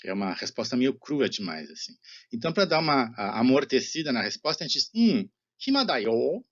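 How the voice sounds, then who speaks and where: A man with a Brazilian Portuguese accent gives a recorded Japanese lecture, explaining patiently, often asking "né?" and slowing down for example phrases. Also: mid-range voice, animated, lo-fi sound. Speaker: Japanese language teacher.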